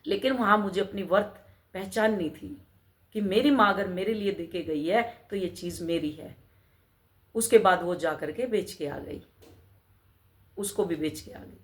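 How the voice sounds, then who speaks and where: A middle-aged woman gives a motivational spiritual talk as a mentor, her mid-range voice unhurried and full of pauses. She urges listeners on with rhetorical questions and keeps repeating calls to keep going.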